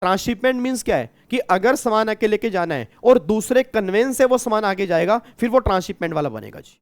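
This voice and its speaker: A man from India teaches customs law to an online class, keeping his voice high and smooth. He repeats each point and quizzes the students. He also teases them as he goes. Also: animated, fast. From Kurukshetra, India. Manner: teasing, repetitive, asks the class questions. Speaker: tax teacher.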